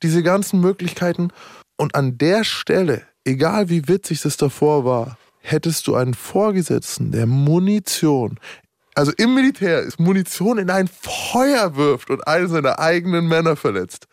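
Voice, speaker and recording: A man's voice: a little high, expressive, normal speed, dry recording, studio quality. A man chatting casually and slangily, thinking aloud in long, rambling runs. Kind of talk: casual chat, animated commentary on a story.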